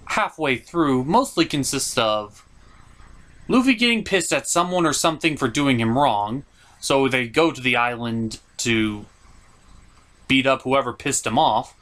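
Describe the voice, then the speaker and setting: A medium-pitched man with lively intonation and a fairly bright tone reads scripted commentary unhurriedly as host of an anime review show. His delivery is emphatic and mock-exasperated, dotted with jokey asides.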